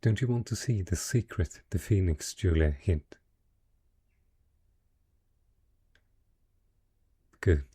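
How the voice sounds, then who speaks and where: In an intimate fantasy romance roleplay, a man voices a rich dragon disguised as a human, a possessive merchant patron who teases. His low, mellow, slightly rough voice coaxes the listener slowly and courteously, with an insistent edge.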